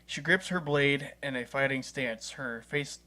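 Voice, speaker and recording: A man's voice: mid-range voice, measured pace, heavy background noise. A man reading a visual novel game aloud as a gaming host, playful and chuckling at the story.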